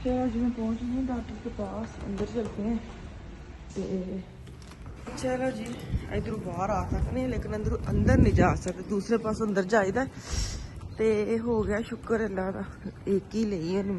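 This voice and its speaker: A woman's voice: mid-range voice, background noise. A woman from Pakistan with a Punjabi accent, chatting casually to her viewers as a vlogger and narrating her daily errands. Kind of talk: casual vlog chat.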